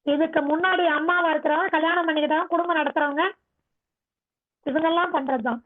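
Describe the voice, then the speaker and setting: A woman with a very high voice gives a motivational yoga talk. She exhorts her listeners and keeps firing rhetorical questions at them. The sound is tinny and narrow, as if heard over a phone line. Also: fairly even intonation, a little fast. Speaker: yoga teacher.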